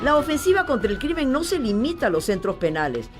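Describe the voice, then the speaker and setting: A woman's voice: high voice, big pitch swings, fast talker. A woman reading scripted news-style promotional narration. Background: music.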